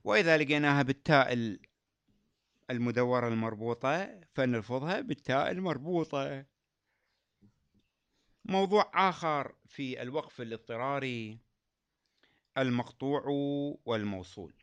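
A man's voice: medium pitch, fairly bright tone, smooth. A man teaching a lesson on recitation rules, explaining patiently and repeating key phrases, in a dull lo-fi recording. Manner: chants quoted verses slowly.

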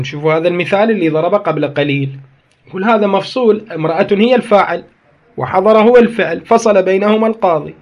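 A man with an Iraqi Arabic accent lectures on grammar in a fairly high voice. He reads a passage aloud, then explains and argues with it, repeating key phrases to drive the point home. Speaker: teacher.

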